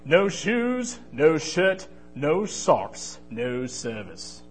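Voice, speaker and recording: A man's voice: on the high side, big pitch swings, extremely slow, soft background music, heavily acted. A man voicing a snooty, stern restaurant host in a children's story, with a curt, haughty delivery.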